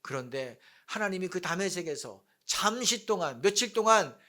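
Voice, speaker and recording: A male preacher with a Busan accent delivers a sermon to his congregation. His voice sits high and ranges widely, rising into fervent scripture readings and dropping to hushed, plain remarks. He keeps putting questions to the listeners and answering them himself. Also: animated, moderate pace. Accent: Busan Gyeongsang. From South Korea. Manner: reads scripture aloud and acts out mocking voices of accusers. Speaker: pastor.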